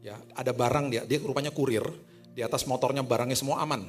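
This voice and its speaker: A middle-aged male pastor preaching a sermon, telling stories in casual slang and swinging from hushed asides to loud excited peaks. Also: medium pitch, quick pace, soft background music.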